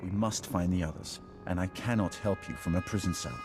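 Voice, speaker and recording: A man lightly acts a deep-voiced, solemn Sith lord for a dramatic video game, making ominous, measured declarations with an urgent edge. The character is a grave, proud defector and coldly calculating seer, and loud music plays behind the voice.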